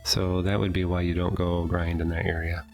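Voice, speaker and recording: Over soft background music, a stuffy, sniffling middle-aged man casually thinks aloud about his gameplay in his home basement, hesitating and correcting himself as a let's play host. His voice sits low and darkish, with a flat delivery at normal speed.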